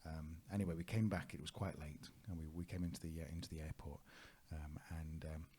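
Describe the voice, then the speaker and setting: A man with a deep, husky voice co-hosts a relaxed travel podcast. He wanders through his stories with plenty of ums and restarts. His tone stays mellow and unhurried. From United Kingdom. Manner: rambling anecdotal storyteller, many fillers. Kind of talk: casual podcast chat.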